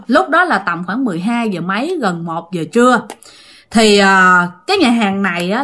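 A woman's voice: a little high, a bit bright. A woman with a Southern Vietnamese accent telling ghost stories in a chatty way, talking straight to her listeners. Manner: chatty, addresses listeners directly. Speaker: storytelling podcast host. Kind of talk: casual ghost-story narration.

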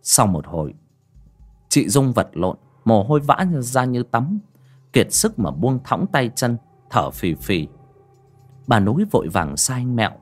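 A man with a husky, breathy voice narrates a horror story, his pitch rising and falling with lively drama. Faint music plays behind him. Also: unhurried. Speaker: audiobook narrator.

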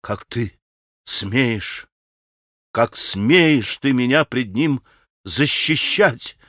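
Storybook role: furious proud young woman, read by a man, raised shrill voice. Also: lively intonation, unhurried, fairly bright tone, no echo, clean studio sound. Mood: scornful hysterical.

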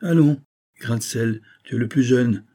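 A man's voice: medium pitch, moderate pace, warm tone, close to an everyday voice. A man voicing an old, loyal steward in an audiobook, speaking in a fatherly, firm way.

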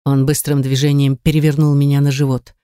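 A woman narrating a first-person erotic audiobook in an even, intimate storytelling voice on a close mic. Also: very deep voice, fairly quick, smooth, no echo. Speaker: audiobook reader.

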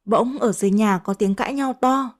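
A woman's voice: on the high side, brisk. A woman reading a first-person family drama story aloud, voicing every character herself. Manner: reads every character herself, shifting tone for quarrels and crying. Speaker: audiobook narrator. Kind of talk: first-person story narration with voiced dialogue.

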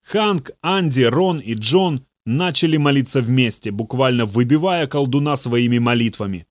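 A man reading a story aloud in an even, measured way. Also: mid-range voice, no room sound, clean studio sound. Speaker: audiobook narrator. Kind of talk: scripted narration.

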